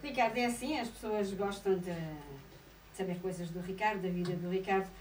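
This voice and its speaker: Woman, middle-aged, European Portuguese accent, radio host, lively, distant mic, faint hiss. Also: mid-range voice, brisk, reverberant. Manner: lively, affirming, takes listener calls. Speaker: radio presenter. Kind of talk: local radio interview. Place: small radio studio. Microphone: studio mic with headphones.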